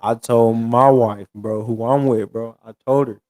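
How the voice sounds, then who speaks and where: A man's voice: medium pitch, steady tone, a little slow, darkish tone, dry recording. A man in casual podcast chat, rambling and repeating himself as he restarts his thoughts.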